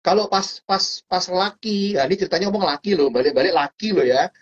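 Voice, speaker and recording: A man explaining stock trading in casual chat, animated and playful, acting out little scenes with sound effects. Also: high voice, a little fast, dull audio. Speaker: stock trading guest speaker.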